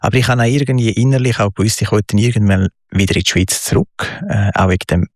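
A man with a Swiss German accent, a guest in an interview, telling his story reflectively with many pauses and fillers. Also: on the low side, no room sound, clean studio sound. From Switzerland and southern Italy. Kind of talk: conversational interview.

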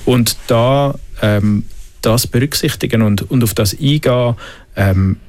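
The panel guest, a man from Switzerland, speaks unhurriedly at medium pitch with a darkish tone and a Swiss German accent. He thinks through the Bible in a faith conversation, full of filler sounds and restarts.

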